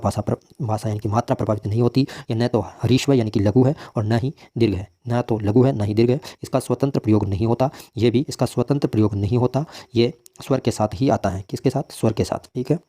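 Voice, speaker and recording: Mellow-voiced male teacher lecturing. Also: mid-range voice. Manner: asks questions and answers them himself; repeats key points for emphasis. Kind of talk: classroom grammar lecture.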